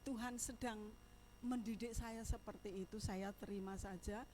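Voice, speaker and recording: A woman's voice: mid-range voice, steady tone, normal speed, warm tone, slight background noise. An older woman giving a sermon testimony, moving from fervent preaching into chatty storytelling. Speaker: church minister.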